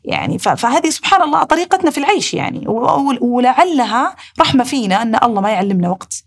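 A woman with a Saudi accent hosting a heartfelt talk, reflecting aloud in rushed bursts. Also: fairly high pitch, very animated. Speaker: podcast host.

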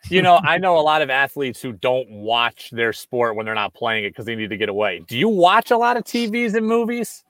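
A man's voice: mid-range voice, very animated, brisk, few pauses, a bit bright, dry recording. A man with a mid-range voice hosting a radio chat. He is recorded close and dry, and he asks his guest curious, playful questions. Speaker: radio host. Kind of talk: casual radio interview chat.

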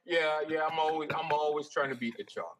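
A man's voice: fairly high pitch, brisk, over a noisy crowd, poor audio. A man from Jamaica who grew up in New York, talking horse-race picks casually with many hesitations. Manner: relaxed, hesitant with many ums. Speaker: guest handicapper. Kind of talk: casual conversation.

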